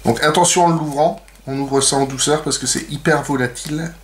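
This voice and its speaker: A man's voice: a little high, steady tone, fairly quick, a little hiss or hum. Chatty man demoing a craft tutorial. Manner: chatty, many fillers and "donc"; playful self-mocking asides. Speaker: nail art tutorial host. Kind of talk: casual how-to demonstration.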